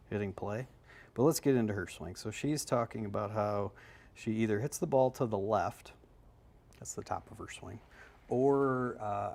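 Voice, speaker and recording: A man's voice: lowish voice, creaky, darkish tone. A man working as a golf instructor, explaining swings in a loose, conversational way on a live analysis show.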